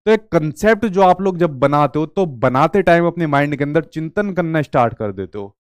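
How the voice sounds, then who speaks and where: A man's voice: on the high side, animated, fairly quick, smooth, dry recording, clean studio sound. A male teacher giving an exam-prep lecture, asking and answering his own questions as he explains.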